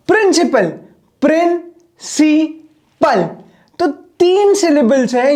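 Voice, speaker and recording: Man, teacher, high-pitched voice, slow pace, friendly way of talking, drawn-out example words, online exam-prep lesson. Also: a little mellow. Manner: friendly, addresses viewers as brothers and friends; drawls example words slowly to show syllables.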